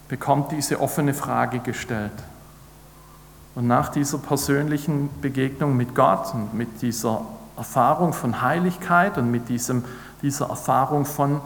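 A man's voice: medium pitch, creaky, a little hiss or hum. A man preaching a sermon, earnest and building to emphatic repeated declarations. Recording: echoey hall with long reverb.

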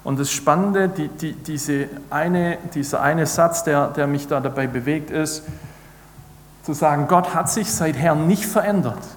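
A man's voice: on the high side, unhurried. A man preaching a sermon, earnest and building to emphatic repeated declarations. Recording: echoey hall with long reverb.

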